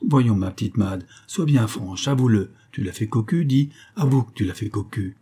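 A jealous young husband in a storybook who needles and presses without letting go, as a man reading puts him on. His voice stays low and dark, with a husky edge. The taunts come in a steady, insistent rhythm. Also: normal speed. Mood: taunting.

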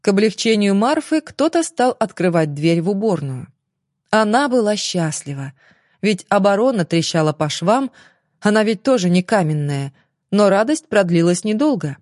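A woman narrates an audiobook with an expressive, dramatic delivery. Her voice sits at a middling pitch. The recording is dry and close, with no room sound. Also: no room sound. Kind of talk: scripted narration.

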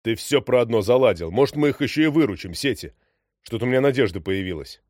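A man voicing a harried middle-aged sea captain who is anxious and touchy and shouts defensively. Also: medium pitch, animated, quick pace, dry recording, studio quality, natural voice. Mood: hopeful.

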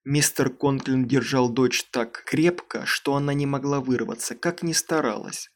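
A man narrating an audiobook in a steady, measured storytelling manner. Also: mid-range voice. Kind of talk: scripted narration.

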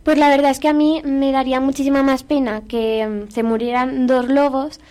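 Brief: woman, a touch high-pitched, thoughtful and measured in a casual radio chat. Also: little pitch movement, warm tone.

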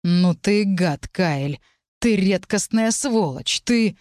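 A woman voicing a young male necromancer who speaks low, restrained and cutting. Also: moderate pace, a little mellow, no room sound, studio quality, natural voice. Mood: restrained, cold. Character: tense young male necromancer, cool and defiant.

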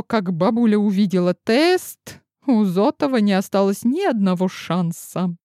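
A woman reading a first-person novel aloud with lively, ironic storytelling. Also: fairly high pitch, no echo, studio quality. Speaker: audiobook narrator.

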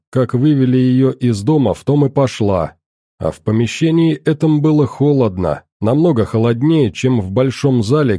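A man reading a first-person audiobook narration in an even, measured way. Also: medium pitch, no room sound, studio quality.

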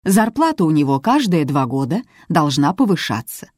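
A woman doing a composed lawyer who reports the terms of a will in a level, businesslike way. The voice stays low and close, in a dry storybook recording. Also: very animated, moderate pace, darkish tone, husky, no echo, exaggerated voice. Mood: matter-of-fact. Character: measured middle-aged male lawyer.

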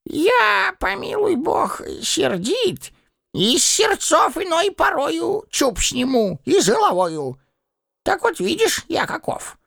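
A man voicing a hot-tempered old tsar who blusters, mocks and shouts threats in a shrill, strained voice. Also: sing-song, slow pace, vocal fry, no echo, clean studio sound, heavily acted. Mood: menacing.

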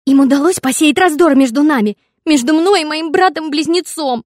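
A woman voicing a spoiled, furious eighteen-year-old girl, shrill and whiny as she shouts. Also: lively intonation, normal speed, no room sound, clean studio sound.

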